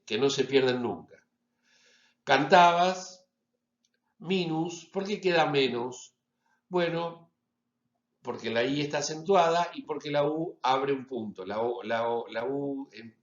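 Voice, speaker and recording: A man giving a lecture as a teacher, deliberately stressing each example word. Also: medium pitch. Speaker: Latin teacher. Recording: roomy, slightly dull recording.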